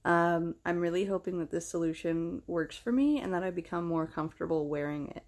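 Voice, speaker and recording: This American vlogger, a young adult, chats briskly and candidly about herself in a lowish voice. Her conversational style is casual and self-deprecating.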